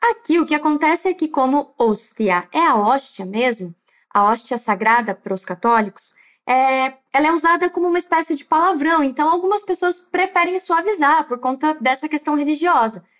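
A woman with a Brazilian Portuguese accent teaching Spanish in a clear, patient manner, coaching listeners to repeat after her. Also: high voice, moderate pace, a bit bright. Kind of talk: spoken language lesson.

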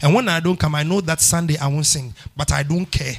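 A middle-aged man preaching with a Ghanaian English accent and a slightly high voice. He repeats lines for emphasis and moves between quiet, low passages and loud outbursts. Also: brisk, vocal fry. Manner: emphatic, repeats phrases, swings from hushed to loud. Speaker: pastor. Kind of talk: sermon.

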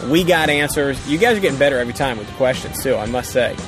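A man's voice: mid-range voice, lively intonation, fast. A man co-hosting a casual podcast outdoors, with profane, informal, upbeat banter and sponsor plugs. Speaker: podcast co-host. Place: outdoors on a ranch. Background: music.

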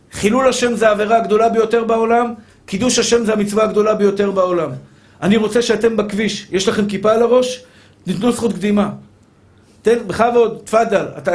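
A rabbi preaches with fervor, driving each point home by repeating it and calling out to his listeners as brothers. His voice sits high for a man. He trips over his words now and then when he restarts a phrase. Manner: fervent, repetitive preaching that addresses listeners as brothers. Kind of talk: sermon.

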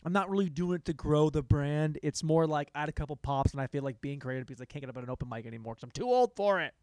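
A young man hosting a solo comedy podcast, rambling in a sarcastic, self-mocking way, jumping between loud bursts and mumbled asides. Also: fairly high pitch, animated, very fast, dry recording, clean studio sound. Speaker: podcast host.

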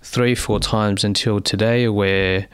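A man in his thirties or forties who grew up in China, speaking as an interview guest in a measured, reflective way with frequent fillers. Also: on the low side, steady tone, fairly bright tone, smooth, dry recording, studio quality. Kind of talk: conversational interview.

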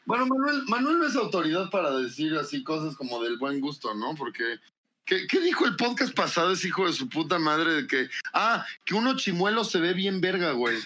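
A man with a Mexican Spanish accent trades podcast banter, pausing often as he searches for words. His voice sits a little high and has a bright, sharp edge. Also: very animated, a little hiss or hum. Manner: hesitant, trails off searching for words. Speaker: podcast co-host. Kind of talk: casual chat.

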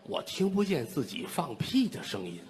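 A man's voice: fairly high pitch, wildly swooping pitch, normal speed, darkish tone, slight background noise. A man performing crosstalk comedy as the lead, telling a story and acting out its characters.

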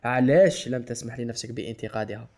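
A man talking quickly in a relaxed, mellow voice. He thinks out loud on a casual podcast, pausing on long "aah"s and slipping into English and French words. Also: mid-range voice. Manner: thinks aloud, stretches "aah" between ideas, mixes in English and French. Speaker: podcast co-host.

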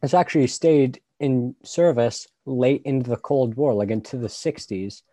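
Young guy rambling casually, warm dark tone, dry close sound. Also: mid-range voice, moderate pace, dry recording. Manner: casual, filler-heavy, says "like" often. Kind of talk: casual discussion.

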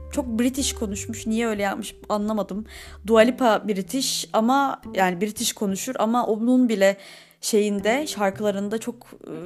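A young woman hosting a podcast, giving chatty, opinionated pop-culture commentary and laughing often. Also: mid-range voice. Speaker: podcast host.

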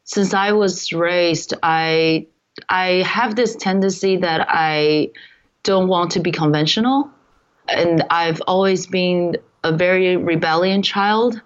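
Woman guest from Taiwan, second-language English, earnest and reflective, lowish voice, muffled lo-fi audio. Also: takes it slowly. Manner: earnest, reflective, non-native phrasing. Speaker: guest, entrepreneur. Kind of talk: interview answers. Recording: dull lo-fi audio.

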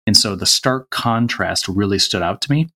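Low-voiced man talking earnestly. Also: normal speed, sharp tone. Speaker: podcast guest. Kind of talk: casual conversation.

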